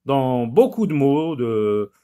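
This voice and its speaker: A man's voice: medium pitch, very animated, slow pace, warm tone, smooth. A man teaching a phonics lesson to young learners, patient and repetitive, sounding out words syllable by syllable with frequent filler sounds.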